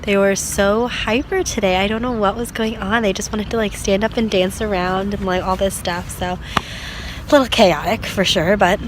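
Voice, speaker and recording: A woman's voice: mid-range voice, fairly even intonation, normal speed. Young American woman vlogger, chatty and filler-heavy, phone mic, faint traffic outside. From United States. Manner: chatty, laughs often, many fillers. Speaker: vlogger and language assistant at a school. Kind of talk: casual vlog chat. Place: outdoors in a park.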